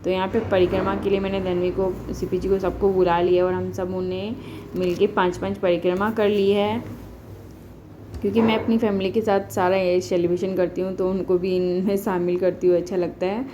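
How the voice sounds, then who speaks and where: A woman in her thirties narrating a home vlog, calmly explaining each step of a family ritual. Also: medium pitch, normal speed, background noise. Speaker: vlogger. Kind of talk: casual voice-over narration of a family festival vlog.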